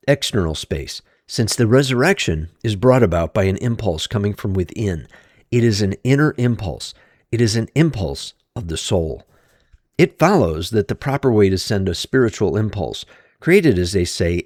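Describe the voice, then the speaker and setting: A man's voice: on the low side, a little mellow, no room sound, clean studio sound. Synthetic male narrator claiming to be human. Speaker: audiobook narrator. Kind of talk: scripted audiobook reading.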